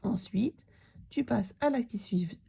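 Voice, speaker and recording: A woman teacher narrating a handwriting lesson for young children, talking it through slowly and spelling out each letter and sound. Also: medium pitch, animated, creaky, mellow, breathy edge.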